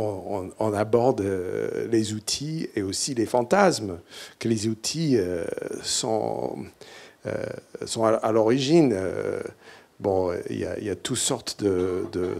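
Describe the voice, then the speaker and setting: A middle-aged English Canadian man, a keynote speaker, gives a hesitant conference talk in French with an English Canadian accent, full of "euh" fillers and restarts. He speaks on a hall stage into a handheld mic, his voice lowish and darkish in tone.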